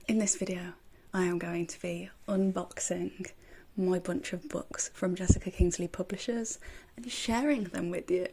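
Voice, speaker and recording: A woman chatting excitedly about books as she unboxes them, her voice recorded on a phone voice recorder app. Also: fairly low pitch, slight background noise. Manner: excitable, gushing. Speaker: book vlogger. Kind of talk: casual unboxing chat. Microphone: phone voice recorder used as microphone.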